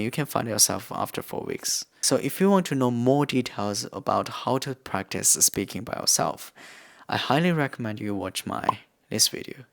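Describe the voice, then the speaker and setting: With guitar music in the background, a Korean-speaking man from the China–North Korea border region talks to camera, offering sincere, straightforward advice on learning English. His medium-pitched voice is creaky, and his non-native phrasing includes restarts.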